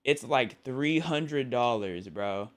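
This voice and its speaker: In a clear, resonant mid-range voice with lively intonation, he takes his time as he jokes and rambles with his chat. It's late at night, he's a tired young streamer, and he often repeats and restarts his words.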